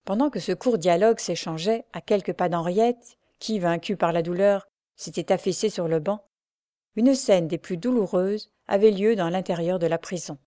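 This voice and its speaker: Mellow-voiced woman narrating a novel. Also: lowish voice, no echo, clean studio sound. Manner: measured storytelling. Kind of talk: audiobook narration of a classic novel.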